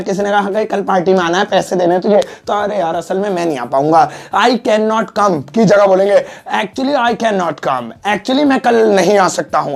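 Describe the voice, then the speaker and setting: A man's voice: high voice, creaky. A man teaching English lessons in a playful, teasing way, full of jokes and asides. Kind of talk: joking classroom-style lesson.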